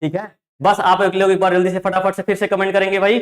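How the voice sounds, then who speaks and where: This online tutor's voice is high and monotone, and he talks fast in a roomy-sounding space. He teaches his class emphatically, repeating phrases and frequently addressing listeners as "dear children".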